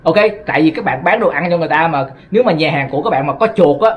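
Fast-talking Southern Vietnamese man, rambling. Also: a little high, lively intonation. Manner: rambling, stumbles and repeats words while talking. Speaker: vlogger. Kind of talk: casual monologue to viewers.

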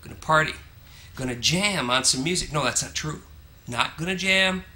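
A man with a slightly high, bright, forceful voice speaks at a moderate pace while filming his road trip. He narrates casually to the camera with joking asides, on the road and in a parking lot.

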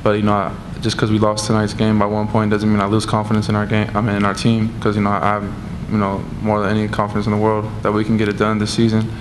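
A young college quarterback speaks at a press table, his low voice barely moving in pitch as he rushes through his answers. He leans on "you know" again and again. A clear hiss of room noise sits under him. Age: young adult. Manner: steady, fills with "you know" often. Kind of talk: post-game press conference answers. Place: press room at a table before a sponsor backdrop. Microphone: table mic on a stand.

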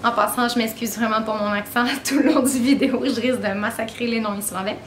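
A woman's voice: a little high, fairly even intonation, fast, a little hiss or hum. A woman in her twenties with a Québécois French accent, talking casually to camera about her travels, with lots of filler sounds. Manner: chatty, many filler "euh"s, laughs at herself. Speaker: travel vlogger. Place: small room indoors with string lights and bookshelf. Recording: roomy echo, music behind.

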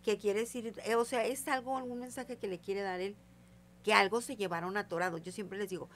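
A woman's voice: medium pitch, fairly even intonation, a little fast, fairly bright tone. An older woman, a guest psychic telling stories in a casual interview and acting out the voices in them. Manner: tells stories vividly, acting out quoted dialogue.

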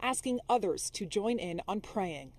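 A young woman reporting the news on a city street, speaking into a handheld mic with a crisp newsreader delivery. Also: mid-range voice, expressive, a little slow, darkish tone, a little hiss or hum. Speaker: field reporter.

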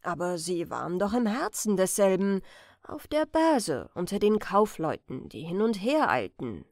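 A woman reading a bedtime audiobook in a calm, measured narration. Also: mid-range voice, dry recording, clean studio sound. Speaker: audiobook reader.

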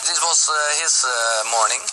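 A man's voice: on the high side, moderate pace, background noise. A man hosting a casual radio interview, speaking in a jokey, teasing manner. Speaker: radio host.

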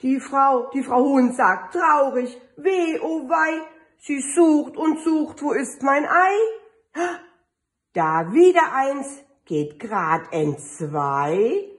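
A woman kindergarten teacher reading a picture book aloud to children, telling the story slowly with sing-song refrains. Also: sits high, lively intonation.

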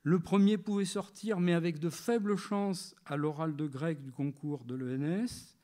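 A man in his sixties from France, reading a prepared lecture at a literary gathering in a measured, literary way, with occasional hesitations. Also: fairly high pitch, steady tone, warm tone.

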